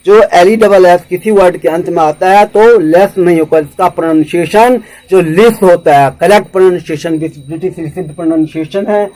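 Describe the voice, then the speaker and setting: A man with an Indian accent teaching English vocabulary in Hindi, spelling each word out and repeating it slowly. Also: high-pitched, darkish tone, rough recording.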